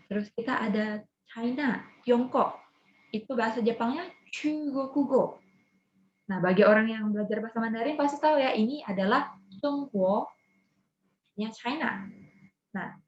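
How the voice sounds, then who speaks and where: A woman with an Indonesian accent and a hoarse voice, teaching a casual online vocabulary lesson, chatty and repeating words slowly. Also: fairly high pitch, slight background noise. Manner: chatty, mixes in English words, drawn-out repetitions. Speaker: Japanese language teacher. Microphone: video call recording. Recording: echoey, muffled video call audio.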